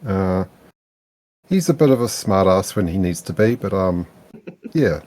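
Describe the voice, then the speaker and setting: A man from Wellington with a New Zealand accent talks slowly and haltingly, in a low-key way. He sounds relaxed and unhurried. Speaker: player.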